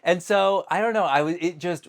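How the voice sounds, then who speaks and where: A man chatting casually to his viewers in a vlog, excitable and full of asides, recorded on a phone at home. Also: high-pitched, normal speed, creaky. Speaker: doll collector vlogger. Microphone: phone camera.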